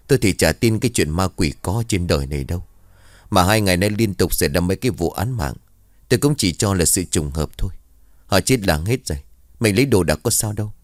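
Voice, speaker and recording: Guy putting on a scornful old village woman, blunt and quick, storytelling voice. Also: sits low, no echo, studio quality. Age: older.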